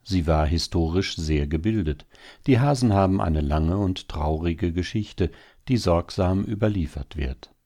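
A male audiobook narrator with a very low, deep voice and a dark, mellow tone. He reads in a measured, solemn manner, letting the sentences settle.

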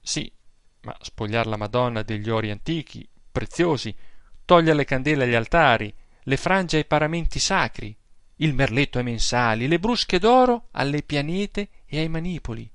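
A man's voice: animated, moderate pace, a bit bright, clear, resonant tone, no room sound, studio quality. A man voicing a devout, indignant old village aunt in an audiobook, with a plaintive, exclaiming manner. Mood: indignant lament. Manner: plaintive, exclaiming, higher-pitched. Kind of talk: audiobook character voice.

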